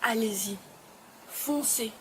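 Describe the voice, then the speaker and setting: A woman's voice: on the high side, takes it slowly, a little hiss or hum. A woman hosting her web show, speaking to camera in an encouraging, emphatic way and often repeating phrases. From Belgium. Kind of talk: motivational address to camera.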